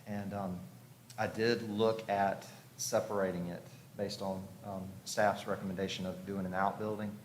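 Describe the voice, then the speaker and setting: Addressing a review commission at a public hearing, a house designer explains his work informally, talking conversationally and thinking out loud. His voice sits low with a level tone and a moderate pace. Echo and clearly audible background noise fill the recording.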